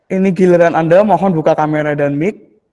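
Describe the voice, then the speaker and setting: A man's voice: on the high side, steady tone, quick pace, warm tone. Man hosting an online contest. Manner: formal announcer, switching to polite Indonesian. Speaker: host. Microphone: video call. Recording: reverberant room on a call.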